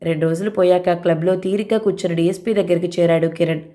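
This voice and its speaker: A woman narrating a novel in a steady storytelling manner. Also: fairly low pitch, fast. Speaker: audiobook narrator. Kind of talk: novel reading.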